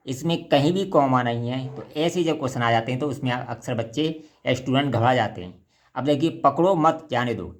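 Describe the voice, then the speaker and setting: A man from India, teaching a math problem patiently and step by step. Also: mid-range voice. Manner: patient, step-by-step, often says "ठीक है" and "देखिए".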